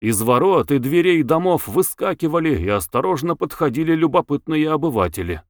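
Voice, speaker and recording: Male audiobook narrator, lively intonation, dry close mic. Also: on the high side, a little fast, dry recording. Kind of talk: scripted narration of a novel.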